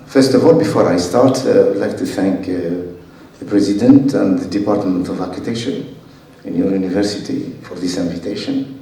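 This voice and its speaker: A man examining a thesis, reading parts of it aloud in a measured, formal way with pauses. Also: low-pitched, warm tone, slight background noise. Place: university lecture hall. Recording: echoey hall, voice from far off.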